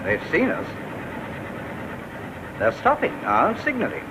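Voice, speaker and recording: An actor playing a commanding ship's gentleman with a crisp, authoritative delivery in 1940s film style. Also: high voice, huge pitch swings, a little slow, exaggerated voice. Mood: brisk. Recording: dull, hissy old film soundtrack.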